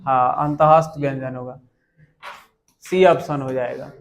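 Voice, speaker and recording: A man's voice: mid-range voice, fairly even intonation, measured pace. A young man, a teacher working through exam questions and repeating each question aloud.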